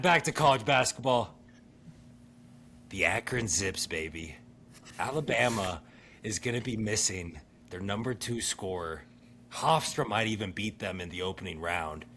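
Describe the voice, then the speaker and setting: A young man with a bright, forceful voice talks through basketball picks on a casual podcast. He is upbeat, laughs often and rattles off stats, with a faint hiss under the voice. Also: lowish voice. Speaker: podcast co-host. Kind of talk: casual sports podcast chat.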